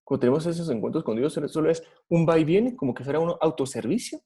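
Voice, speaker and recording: A man with a Guatemalan Spanish accent preaches a Bible study sermon. His voice sits a little high and sounds mellow and husky. He talks earnestly and keeps putting questions to his listeners. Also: fast talker.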